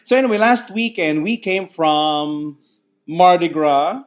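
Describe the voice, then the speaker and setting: A man's voice: a little high, animated, slow pace. A man hosting a casual group podcast, giggly and rambling as he chats. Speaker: podcast host.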